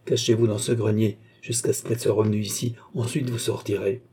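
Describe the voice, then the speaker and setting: Brief: narrator playing a fretful older thinker, nervous and cautious, dark husky tone. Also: male voice, on the low side, little pitch movement, a little fast. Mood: anxious. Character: anxious aging male philosopher, nervous and fretful. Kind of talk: audiobook reading.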